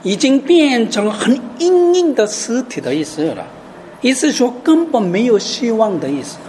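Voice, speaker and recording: A woman's voice: a little high, big pitch swings, normal speed, mellow, slight background noise. A woman preacher giving a sermon who keeps asking rhetorical questions and drops English words into her talk.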